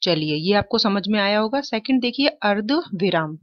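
A woman's voice: mid-range voice, animated, moderate pace, no room sound, highs cut off. A woman teaching an exam-prep lesson, explaining step by step and answering her own questions.

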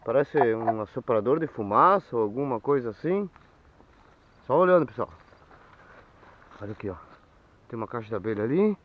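A middle-aged Brazilian man talking casually to viewers as he explores outdoors, making informal remarks while looking around. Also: mid-range voice. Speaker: vlogger. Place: outdoors in overgrown woodland. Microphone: handheld camera at arm's length. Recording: dull lo-fi outdoor camera sound.

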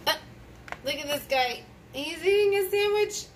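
A woman reads a picture book aloud with a child in a casual, chatty way, exclaiming and prompting with questions. Her voice is extremely high with lively intonation and a slightly slow pace. The mic is distant, and background noise is clearly audible.

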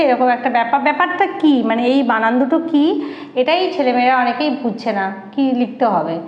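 A woman teacher giving a spelling lesson at a board, patiently repeating and sounding out letters. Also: sits high. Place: classroom-like room with a board. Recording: echoey dull room recording.

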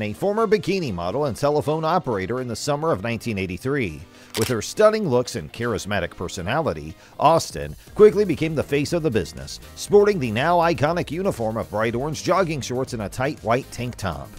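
A man narrating a scripted food-history documentary in a playful, storytelling manner. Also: mid-range voice.

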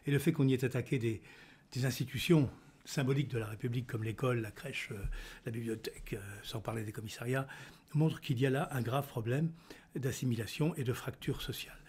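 A man's voice: medium pitch, steady tone, fairly quick, darkish tone, slightly rough. An older man hosting an interview, asking long formal questions with hesitant fillers, recorded on a desk studio microphone in an office. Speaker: podcast host, politician. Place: indoor office.

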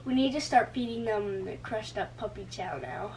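A young woman, a daughter getting over a fever, talking softly and quietly from her bedroom. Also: normal speed, slight background noise, low-quality recording. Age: young adult. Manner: soft, low-energy, quiet. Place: bedroom, indoors.

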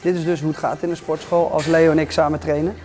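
A man's voice: flat delivery, fast, a little mellow, faint music behind. A man in his thirties hosting a casual gym vlog, joking and plugging a sponsor, recorded in a large gym. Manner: chatty, joking, pitches sponsor. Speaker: vlog host.

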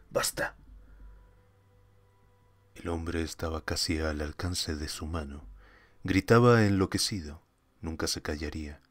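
A man reading a short story aloud as an audiobook narrator, measured and dramatic. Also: very deep voice, dry recording.

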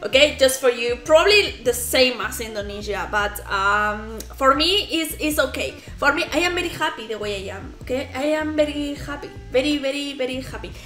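A woman in her thirties hosts a reaction video, telling a casual story to camera in a high voice from a small room at home with plants behind her. She's animated, gestures a lot, laughs often and restarts haltingly. The sound is roomy, with faint music in the background.

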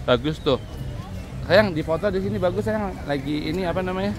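A man's voice: high voice, brisk, crowd noise. A middle-aged man, chatting casually and playfully for a vlog on a handheld phone. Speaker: vlogger. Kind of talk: casual vlog chat with partner. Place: amusement park rides, queues and paths, mostly outdoors or under canopy. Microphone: handheld phone at arm's length. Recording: busy amusement park noise, music behind.

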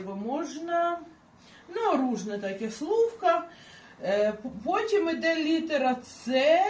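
A woman teaching a beginner language lesson, explaining slowly and patiently with examples. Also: high-pitched, roomy sound, a little hiss or hum.

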